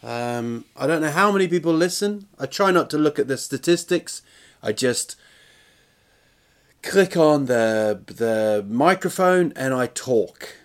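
A man's voice: mid-range voice, expressive, unhurried. Rambling, sweary man in his forties. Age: 40s. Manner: self-deprecating, sweary, hesitant and meandering. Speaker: podcast host and touring comedian. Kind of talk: casual, rambling solo podcast chat.

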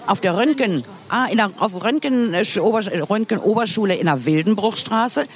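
Out in a city's public square, a podcast reporter and host keeps her casual street segment going with playful, rambling chatter. Her medium-pitched voice is animated and fairly quick.

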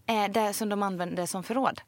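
A woman's voice: medium pitch, no room sound. A woman co-hosting a podcast in a studio, telling a long story in a casual chat and acting out the retorts in it. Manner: lively storytelling with quoted retorts. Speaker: podcast co-host.

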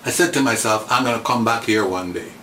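An older man from Aruba with a Caribbean accent, telling stories casually and haltingly in colloquial phrasing as an interview guest. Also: on the low side, pushed and bright. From Caribbean, born in Aruba, raised in Trinidad and Dominica. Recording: roomy echo, clear background noise.

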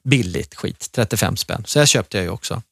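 A man's voice: fairly low pitch, lively intonation, gravelly, dry recording, clean studio sound. A man in his thirties co-hosting a podcast, telling stories in a casual, chatty way with many restarts. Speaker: podcast co-host. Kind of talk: casual chat.

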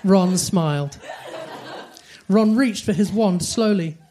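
A man slowly reads comic fan fiction aloud in a high voice, giving it a dramatic, storybook-style delivery. Faint background noise and clicks are audible on the recording.

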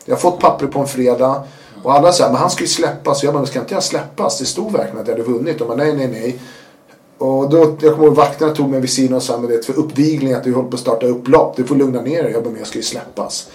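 A man, a guest telling his story in a casual interview, animated and acting out what people said. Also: medium pitch, reverberant. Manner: animated, acts out quotes with sudden loud bursts.

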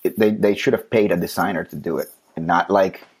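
A man's voice: deep voice, fairly quick, husky. A man co-hosting a casual podcast chat, talking emphatically and laughing easily. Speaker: podcast co-host.

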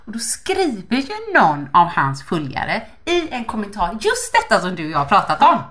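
A woman co-hosting a podcast in casual chat, telling stories animatedly and acting out quotes. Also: medium pitch. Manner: animated storytelling, acts out quotes. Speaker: podcast co-host.

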